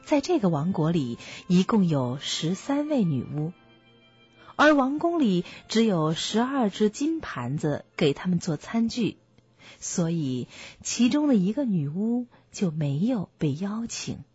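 Woman storyteller, slow storybook read, breathy, music bed. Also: mid-range voice, big pitch swings, no echo. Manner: gentle storybook reading. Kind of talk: reading a fairy tale for children. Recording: muffled, dry, soft music behind.

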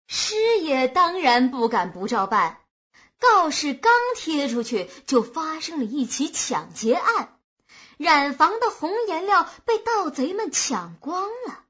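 A woman tells a humorous folk tale in a lively, expressive storytelling style, speaking slowly in a high voice. The recording is dull and lo-fi.

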